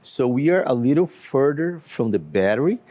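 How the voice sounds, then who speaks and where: This CEO from Brazil talks through his business during an interview, his Brazilian accent audible as he speaks measuredly with frequent fillers. His medium-pitched voice is sing-song and dark in tone.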